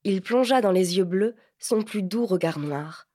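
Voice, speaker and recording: A woman reads a literary novel aloud at a middling pitch, measured and clear. Her narration is even and unhurried, an audiobook reading. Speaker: audiobook reader.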